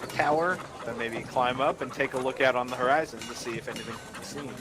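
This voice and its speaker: A man playing in a tabletop game, speaking in a hesitant, halting way, over a noisy recording. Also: medium pitch, over music. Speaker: player. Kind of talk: casual tabletop game talk. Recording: noisy home podcast recording.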